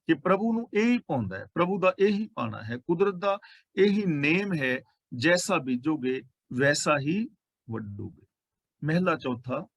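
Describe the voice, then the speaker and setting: Man explaining scripture, higher voice. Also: a bit bright, dry recording. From Punjab. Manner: explains verses line by line, correcting pronunciation. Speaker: Sikh preacher. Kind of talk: scripture exposition.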